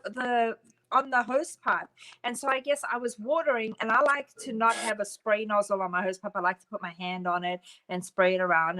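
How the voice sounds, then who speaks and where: A woman co-hosting a casual chat, relaxed and laughing often as she tells a story. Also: mid-range voice. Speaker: co-host.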